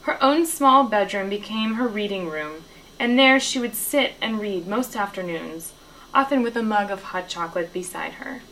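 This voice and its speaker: A woman reading a children's novel aloud, telling the story in a lively way and raising her voice for the characters' lines. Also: moderate pace, a little hiss or hum, low-quality recording. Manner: lively storytelling, lifting her pitch for dialogue. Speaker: reader.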